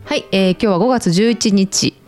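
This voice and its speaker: A woman's voice: mid-range voice, moderate pace, over loud music. A woman with an Osaka-area Kansai accent hosting a casual chat, announcing segments and chattily agreeing and prompting. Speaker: host.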